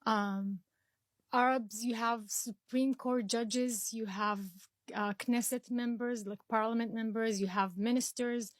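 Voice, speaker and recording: A young Israeli woman, a native Arabic speaker, answers an interviewer's questions earnestly, often restarting and using fillers. Her fairly high voice stays steady and unhurried, with no room sound.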